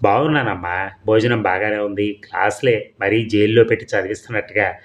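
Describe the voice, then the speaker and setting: A man's voice: fairly low pitch, fairly quick, natural voice. A man reading the lines of a chatty teenage son telling his mother about hostel life. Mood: cheerful.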